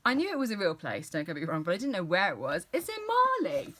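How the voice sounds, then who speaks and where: Her lowish voice swoops wildly in pitch, sounding bright and forceful as she talks fast. She's a British book vlogger in her thirties, chatting enthusiastically and casually about her reading, rambling somewhat with many fillers.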